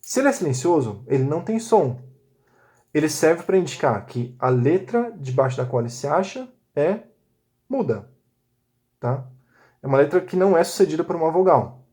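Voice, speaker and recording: A man's voice: a little high, lively intonation, moderate pace, mellow. A man teaching a recorded language lesson. He explains step by step and often checks in with short tag questions. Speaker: Biblical Hebrew teacher.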